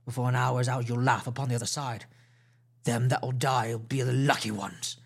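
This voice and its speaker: A male narrator voices a cunning old one-legged pirate for an audiobook, blustering in a rough seafaring dialect and sounding furious. Higher and louder than his ordinary reading voice, he alternates bargaining with threats, though his intonation stays fairly even and his speed normal.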